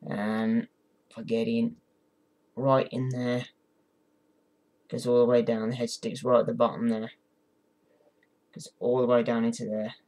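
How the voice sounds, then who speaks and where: Man, mid-pitched voice, monotone delivery, informal tutorial talk, hesitant and apologetic. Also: unhurried, long pauses. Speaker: amateur ventriloquist giving a tutorial. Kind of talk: casual instructional vlog talk.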